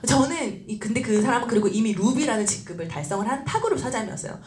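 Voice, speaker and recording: A woman giving a seminar talk as a lively story, acting out voices and laughing often. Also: on the high side, fast. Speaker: speaker at a business seminar. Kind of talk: animated storytelling lecture. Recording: roomy echoey hall.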